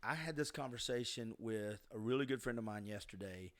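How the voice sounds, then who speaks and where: On a casual podcast, a middle-aged man with a lowish voice talks a little fast. He shares life lessons and advice in a reflective, conversational way.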